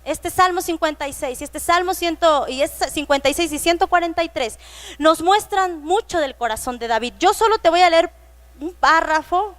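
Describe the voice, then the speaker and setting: A woman with a Mexican Spanish accent preaching a sermon, reading scripture slowly and with emphasis. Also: high voice, a bit bright. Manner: acts out children's voices in retellings.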